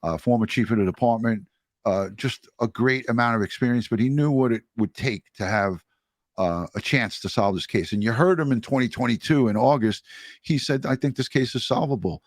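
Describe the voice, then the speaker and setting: A man talking casually and appreciatively as a livestream host, in a halting way with pauses. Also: mid-range voice, no room sound. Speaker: true crime livestream host. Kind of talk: casual livestream talk and sign-off.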